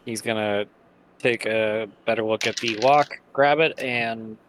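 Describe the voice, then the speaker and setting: A man speaks as a player in a tabletop game. His voice is a little deep, and he casually talks through his character's actions as he goes. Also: fairly even intonation, measured pace, background noise.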